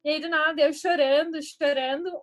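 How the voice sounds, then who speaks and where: A woman's voice: sits high, steady tone, normal speed. A woman casually telling a story among friends, dramatic and self-mocking.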